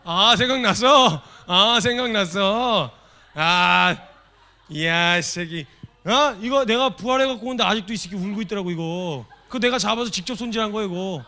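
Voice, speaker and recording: A man putting on a rough, foul-mouthed Jesus who scolds his old friend in a mock-angry, bright voice pitched high. The figure cusses, taunts and shouts, all in a comic sermon story. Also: sing-song, moderate pace, pauses often. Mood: rowdy, scolding. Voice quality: coarse, swearing, mock-angry. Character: gruff male Jesus scolding his disciple.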